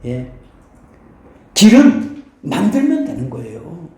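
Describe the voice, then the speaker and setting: A man's voice: a little high, huge pitch swings, takes it slowly, mellow. A male pastor preaches in a church sanctuary, and his voice rises and falls widely as he goes. He keeps asking his listeners questions and answering them himself, and he turns to bless the congregation again and again. The sound rings through a very echoey church hall. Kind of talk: sermon.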